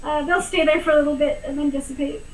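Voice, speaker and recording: High-voiced woman game master. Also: fairly even intonation, fast talker, low-quality recording. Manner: easygoing, laughs often. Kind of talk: narrating a tabletop game.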